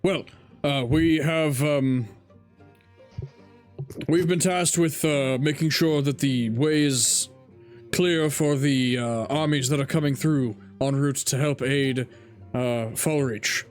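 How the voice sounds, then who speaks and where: Male role-playing gamer, average pitch, formal but halting improvised lines, background music. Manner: hesitant, measured, formal phrasing. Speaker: player in a tabletop role-playing game. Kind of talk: improvised in-character dialogue.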